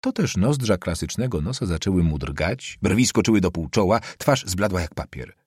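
A man reading literary prose aloud as an audiobook narrator, expressive and dramatic. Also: deep voice, normal speed, slightly rough, no echo, studio quality.

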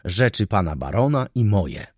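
A man puts on a self-important male servant who orders everyone about. The voice sits low and husky, with a lively, rising and falling delivery. The recording is close and dry. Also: moderate pace, no room sound. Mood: haughty. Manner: haughty, condescending, commanding. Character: pompous, bossy male valet, self-important.

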